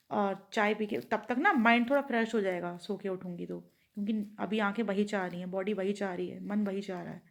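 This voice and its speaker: Woman vlogger, mid-range voice, chatty home vlog, rambling thoughts out loud to viewers. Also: medium pitch. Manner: rambling, thinking aloud to viewers.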